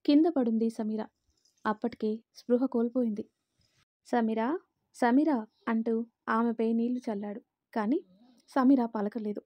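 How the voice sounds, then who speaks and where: A woman narrates a family drama in a steady, expressive storytelling manner. Her voice sits fairly high with a mellow tone. The sound is close and dry. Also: normal speed, no echo.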